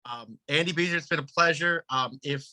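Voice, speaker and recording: Male host, bright voice, dry sound, halting delivery. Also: a little high, no room sound. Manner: hesitant, with many fillers. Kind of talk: casual interview wrap-up.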